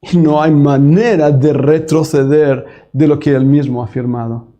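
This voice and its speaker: A man's voice: on the high side, fairly even intonation, measured pace, mellow, lo-fi sound. A man preaching a sermon, reading scripture with dramatic rises and falls. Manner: dramatic, rising and falling delivery reading scripture aloud. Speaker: pastor.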